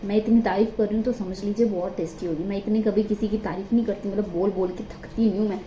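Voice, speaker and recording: A woman's voice: mid-range voice, steady tone, quick pace, warm tone, highs cut off, slight background noise. A young woman vlogging at home on her phone. She chats casually and gushes, repeating herself for emphasis. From Himachal Pradesh, India. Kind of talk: casual vlog chat. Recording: echoey, roomy sound.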